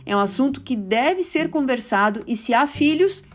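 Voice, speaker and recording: A woman hosting a personal finance podcast, speaking in a clear, measured way as she reads through statistics. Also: high voice, lively intonation. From Brazil. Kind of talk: scripted podcast monologue.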